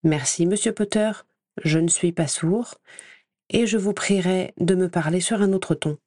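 A woman reading an audiobook voices a sneering, spiteful male professor who speaks slowly and mockingly. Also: lowish voice, mellow, dry recording, clean studio sound. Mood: scornful. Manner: slow, scornful, mocking.

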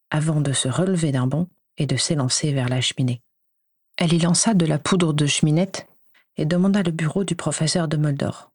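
A woman narrates a first-person story in a steady, even reading voice. Her voice is low and husky. The recording is dry and close, with no room sound. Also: dry recording. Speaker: audiobook reader.

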